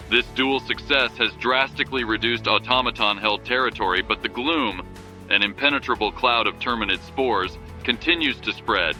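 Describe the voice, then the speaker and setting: A man's voice: medium pitch, sharp tone. A man playing a grave, urgent wartime radio news anchor, reading a scripted bulletin in a rousing manner. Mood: proud, rousing. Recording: music behind the voice. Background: music.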